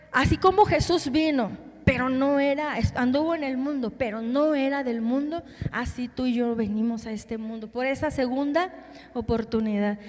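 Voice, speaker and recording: Una predicadora con acento mexicano y voz bastante aguda predica en una sala con mucha reverberación. Hace preguntas a los fieles y cuenta cada escena con emoción. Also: female voice, high voice. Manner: asks the congregation questions, retells scenes with feeling. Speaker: preacher. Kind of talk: sermon. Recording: long hall reverb.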